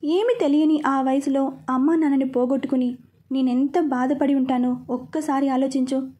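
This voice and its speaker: A woman's voice: high voice, steady tone, moderate pace, lightly acted. A woman reading as a stern young husband. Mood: gentle. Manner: scolding, then gently consoling. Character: young man, stern but caring husband. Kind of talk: storybook reading.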